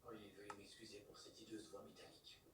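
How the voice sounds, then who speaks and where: A man dubbing a calm, courteous criminal mastermind whose voice comes through a metallic voice-changer filter over the phone. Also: fairly low pitch, a little fast, heavy reverb, far from the mic, very noisy. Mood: calm, polite. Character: calm, polite criminal mastermind behind a voice disguise. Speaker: hostage-taker negotiating by phone. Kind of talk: dubbed TV drama.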